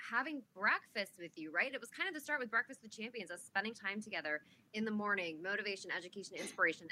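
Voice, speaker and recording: A woman's voice: mid-range voice, sharp tone. A woman co-hosting a morning show, chatting casually in an encouraging, emphatic, informal way. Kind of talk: casual motivational chat. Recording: clearly audible background noise.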